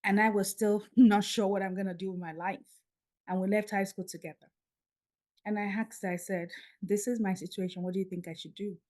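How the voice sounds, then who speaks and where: A Nigerian woman in her fifties appears as a podcast guest, telling her story in a lively way and acting out the dialogue. She speaks briskly at a medium pitch.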